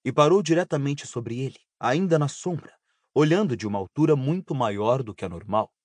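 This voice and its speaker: A man narrating an audiobook in a steady, even storytelling voice. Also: mid-range voice, normal speed, no echo. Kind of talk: scripted narration.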